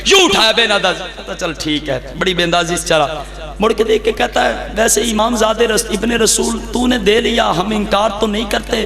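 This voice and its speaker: High-voiced preacher in an echoey hall. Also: male voice, moderate pace, music in the background. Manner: acts out the voices in his stories, calls the crowd to answer. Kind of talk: religious speech at a gathering.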